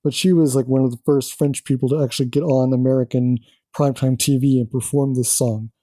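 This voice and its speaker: A man's voice: medium pitch, steady tone, a little fast, warm tone, no room sound. A man co-hosting a podcast, chatting in an opinionated, wry way. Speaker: podcast co-host. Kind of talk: casual podcast chat.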